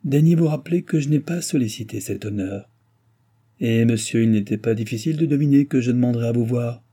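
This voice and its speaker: A man voicing a mysterious sorcerer, firm, solemn and quietly threatening, in an audiobook reading. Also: mid-range voice, fairly quick, slightly rough. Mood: grave. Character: mysterious male sorcerer, grave and menacing.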